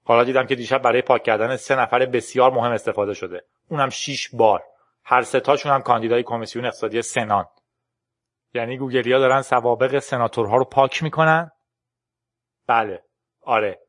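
A man's voice: mid-range voice, fairly bright tone, lightly acted. A man reading as a tense young woman programmer. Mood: urgent.

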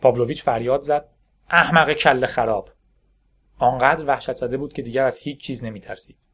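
A man narrating a story in a steady, measured audiobook style. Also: mid-range voice, slightly rough. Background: faint background music.

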